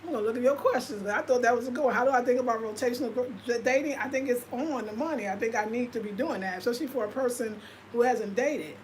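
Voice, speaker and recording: Speaking quickly to her viewers, this American woman in her fifties keeps things loose and confiding, sprinkling in plenty of "like" and "y'all" during a casual livestream chat. For a woman, her voice sits fairly high. The lifestyle vlogger's low-quality recording carries a faint noise underneath.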